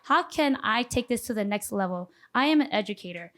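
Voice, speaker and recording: A woman's voice: on the high side, expressive, brisk, fairly bright tone. A woman speaking as a pageant contestant, giving formal, earnest answers in an interview round and politely thanking the questioner. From Minneapolis, Minnesota.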